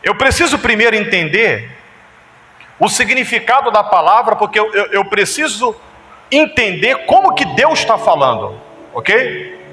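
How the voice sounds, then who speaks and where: A man's voice: high voice, unhurried, a little hiss or hum. A Brazilian man preaching a sermon as pastor, constantly putting questions to his congregation. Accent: Brazilian Portuguese. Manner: animated, asks congregation frequent rhetorical questions. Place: church hall. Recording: echoey church hall with music.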